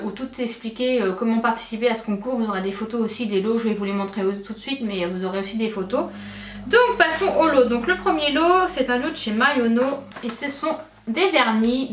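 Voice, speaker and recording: Gushing young woman vlogger, echoey room. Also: on the high side. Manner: chatty and enthusiastic, many fillers. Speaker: beauty vlogger. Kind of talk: casual chat. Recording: echoey room, mic at a distance.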